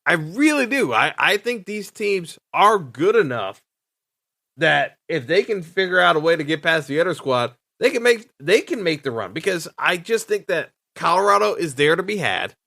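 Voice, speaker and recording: A man's voice: fairly high pitch, sing-song, normal speed, vocal fry, pushed and bright, dry recording, studio quality. A male podcast host giving solo sports commentary, thinking aloud with many fillers and restarts. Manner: hesitant, full of fillers and restarts.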